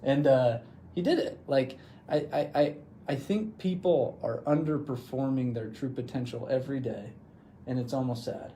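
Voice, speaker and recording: A man's voice: medium pitch, normal speed, mellow, slight background noise. A man hosting a podcast, talking in a casual, encouraging way. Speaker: podcast host. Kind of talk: casual conversation.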